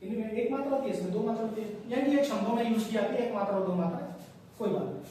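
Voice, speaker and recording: A man's voice: high voice, very fast, dark tone. A male Hindi grammar teacher giving a classroom lecture. He repeats key points and quizzes his listeners. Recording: very echoey room, distant mic, faint hiss.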